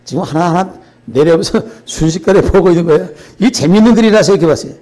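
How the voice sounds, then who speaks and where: Older pastor guy, high voice, lively story-style sermon, keeps asking the crowd "right?". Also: quick pace. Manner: animated storytelling, frequent "예?" to the congregation.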